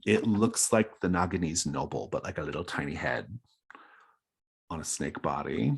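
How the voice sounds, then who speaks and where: Male game master, deep and slightly husky, improvising tabletop narration in a halting, thoughtful flow. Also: expressive. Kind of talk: running a tabletop role-playing game.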